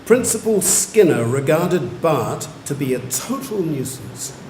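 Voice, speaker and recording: Guy calling out spelling bee words nice and slow, big roomy hall, bit of faint background hiss. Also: fairly high pitch, big pitch swings. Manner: slow, careful enunciation of each word. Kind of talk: reading words, definitions and sentences aloud. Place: large museum hall. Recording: echoey hall, faint room noise.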